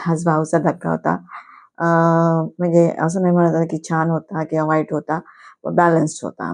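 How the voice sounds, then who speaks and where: A woman's voice: low voice, gravelly, a little mellow. A woman giving a casual, chatty review on her YouTube channel, slipping English words into her talk.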